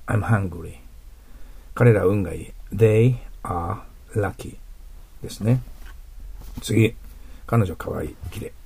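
A man teaching an English grammar lesson in Japanese, patiently explaining and slowing down to model each example phrase. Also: lowish voice, dark tone, breathy edge. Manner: patient, explanatory, asks learners to repeat.

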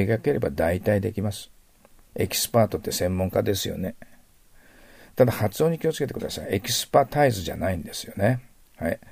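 A man's voice: fairly low pitch, gravelly, a little mellow, no echo. A man with a Japanese accent teaching English vocabulary, patiently explaining words and exaggerating his English pronunciation so learners can copy it. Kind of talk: lecture-style vocabulary lesson.

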